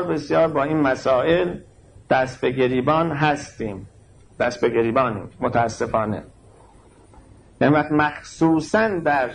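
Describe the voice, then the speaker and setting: Man, religious lecturer, sermon, emphatic, slow stresses and quick asides, higher-pitched voice. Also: a little hiss or hum, rough recording. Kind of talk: sermon explaining scripture.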